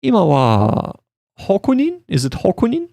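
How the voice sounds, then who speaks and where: On his Japanese study livestream, a male streamer talks slowly in a high voice whose pitch swoops wildly, with a creaky yet mellow quality. It's casual chat interspersed with study and game reading. He rambles, thinking aloud and reflecting on himself.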